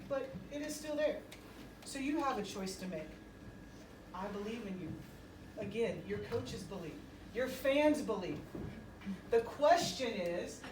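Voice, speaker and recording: A middle-aged woman giving a motivational speech to a team, speaking in emphatic, short, repeated phrases. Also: high voice. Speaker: motivational pregame speaker to a high school football team. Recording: roomy echo, distant mic, faint noise.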